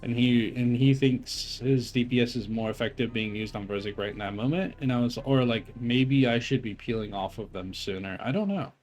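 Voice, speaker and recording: A young man talks over his gameplay footage in a loose, rambling way, full of filler words, restarts and swearing. His voice sits at an ordinary middle pitch and sounds slightly phlegmy from eating while he talks. Faint music plays behind him. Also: normal speed, hardly any pauses, darkish tone. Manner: rambling, profane, heavy on filler words and self-corrections. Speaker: gamer reviewing his own raid footage. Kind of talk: casual gameplay commentary.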